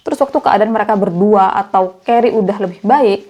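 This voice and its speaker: A woman's voice: mid-range voice, a little fast, a little mellow. A young woman narrating a true crime case in a chatty, conversational way, as the channel's storyteller.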